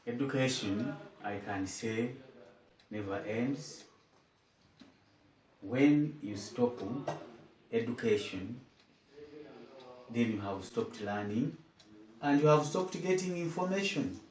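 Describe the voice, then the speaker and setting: A man, a head teacher answering interview questions in measured, formal phrasing. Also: mid-range voice, darkish tone. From Uganda. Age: 50s. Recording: echoey room, mic at a distance.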